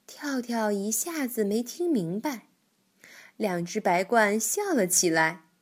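Slow, lively woman storyteller. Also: medium pitch. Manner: expressive and gentle. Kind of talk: children's story narration.

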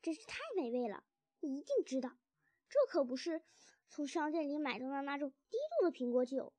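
Woman playing an excitable little boy fox, eager, high bright voice, dry sound. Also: fairly quick, no echo, natural voice. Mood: delighted. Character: small excited young fox cub, male. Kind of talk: storybook reading.

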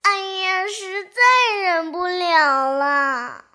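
A cheeky little storybook kitten, put on by a woman reading aloud, squeaking in a very high, bright voice and stretching its words out slowly. It sounds eager and childlike throughout. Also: lively intonation, full character voice. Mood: whiny. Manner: high, drawn-out, childlike calling.

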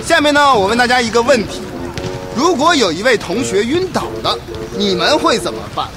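Man playing a high-pitched barking drill instructor. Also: very animated, a little fast. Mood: slyly mocking. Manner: barked drill commands, scolding. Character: stern, mocking male military-training drill instructor. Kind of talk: comedy skit acting. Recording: loud music and crowd noise behind.

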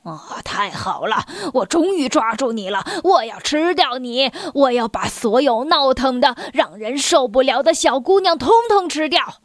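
A woman voicing a sly, hungry old male lion in a children's story, with a deep growling tone. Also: animated, unhurried, hardly any pauses, no echo, clean studio sound. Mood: menacing.

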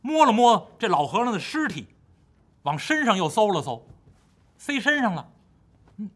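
A male storyteller performing a classic tale in the traditional Chinese style, with a high, bright voice that rises and falls dramatically. His delivery is rhythmic and vivid, pulling the listener along. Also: sing-song, normal speed.

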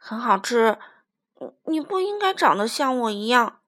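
A woman voicing a kind, gentle father tyrannosaurus in a children's storybook, speaking softly and soothingly. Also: on the high side, big pitch swings, moderate pace.

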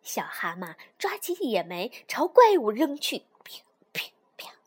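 Slow expressive storytelling woman. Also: on the high side, slightly rough. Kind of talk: children's storybook reading.

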